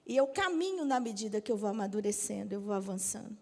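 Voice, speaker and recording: A woman's voice: mid-range voice, lively intonation, quick pace, creaky, mellow. A woman in her fifties, a Methodist bishop, preaching directly and often asking the audience if they agree. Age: 50s. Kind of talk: sermon. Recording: long hall reverb.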